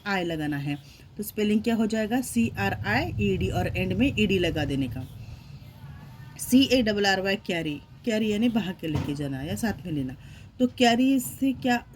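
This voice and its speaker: A woman's voice: mid-range voice, a little mellow, a little hiss or hum. A woman teaching English grammar in a classroom style, spelling words out letter by letter and asking rhetorical questions.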